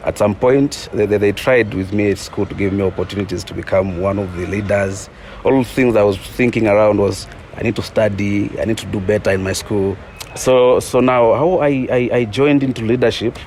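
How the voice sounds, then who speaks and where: A man's voice: lowish voice, darkish tone, slight background noise. A young man from Zambia with a Zambian accent, a community resources board leader, telling his story in an interview with some hesitation. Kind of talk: interview recollection.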